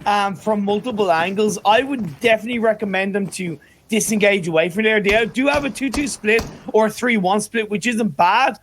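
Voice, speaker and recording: Male esports caster, high voice, analytical and chatty, faint background noise. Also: normal speed, hardly any pauses, fairly bright tone. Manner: analytical, conversational, tactical advice. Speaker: esports commentator. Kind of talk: live esports commentary.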